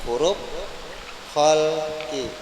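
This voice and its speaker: A man teaching Quran recitation rules in a mosque, breaking into slow chanted verses and quizzing his students. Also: fairly high pitch, steady tone, noisy background. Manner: quizzes the class. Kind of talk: tajwid lesson with chanted recitation. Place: large mosque hall. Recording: echoey mosque hall with crowd.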